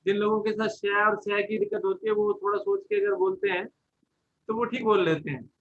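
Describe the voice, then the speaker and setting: Bright high-voiced man hosting. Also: steady tone, a little fast, dull audio. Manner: encouraging, prompting others. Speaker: discussion host. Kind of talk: casual group discussion.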